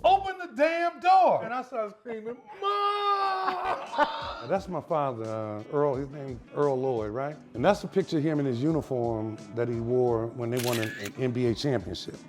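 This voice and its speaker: A man's voice: medium pitch, fairly quick, few pauses, music in the background. A man in his sixties who tells stories loosely and laughs often while showing his home. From United States. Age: 60s. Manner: laughing, animated storyteller. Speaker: interviewee, homeowner. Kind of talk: casual storytelling during a house tour.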